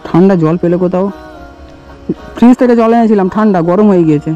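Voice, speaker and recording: A man talks gently and coaxingly to his small daughter while vlogging outdoors in the shade. His voice is mellow and warm at a middling pitch. The recording sounds dull and lo-fi, with faint music behind. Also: fast. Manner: coaxing, doting, talks softly to a small child. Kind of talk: casual vlog talk to a child. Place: outdoors in tree shade on a hot day.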